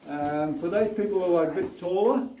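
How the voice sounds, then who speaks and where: Echoey male tour guide, mellow voice. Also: sits high, normal speed, distant mic. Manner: demonstrative, step-by-step explaining. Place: inside an underground mine tunnel. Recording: echoey, noisy tunnel, voice off from mic.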